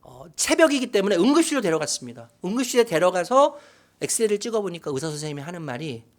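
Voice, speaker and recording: A middle-aged man preaching a sermon as pastor, swinging from loud, animated outbursts to hushed whispers. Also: sits high, fast. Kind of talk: sermon with acted quotes. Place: church sanctuary.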